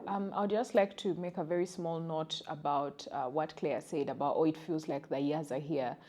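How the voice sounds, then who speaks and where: A Ugandan woman in her thirties co-hosting a casual podcast. Her voice is mellow and a little low, and she speaks earnestly, slowing down to stress what she means. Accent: Ugandan English. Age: 30s. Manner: earnest, grateful, slow and deliberate at times. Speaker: podcast co-host. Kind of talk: casual chat.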